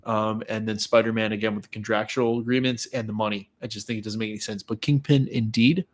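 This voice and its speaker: A man in his thirties with a nasal, stuffy voice from a cold talks fast in a lowish register with fairly even intonation. He's a YouTuber hosting a casual live watch party, loose and chatty as he reads viewer comments aloud and answers them.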